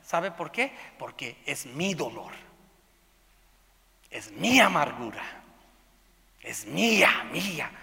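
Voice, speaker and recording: Man preaching, lively, bright, echoing hall. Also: takes it slowly, vocal fry, pauses often. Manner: swings between loud emphatic outbursts and hushed low passages; repeats words while searching. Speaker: pastor. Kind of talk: sermon. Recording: long reverb of a large hall.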